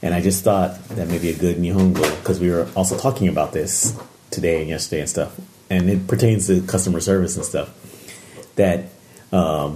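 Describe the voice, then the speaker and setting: Low, mellow-voiced man chatting casually. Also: slight background noise. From Japan. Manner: animated storytelling, laughs often. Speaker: podcast co-host. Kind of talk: casual chat.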